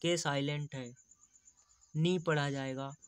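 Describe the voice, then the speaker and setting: A man's voice: on the high side, steady tone, takes it slowly, clean tone, no echo. A man teaching English pronunciation, explaining patiently and repeating example words.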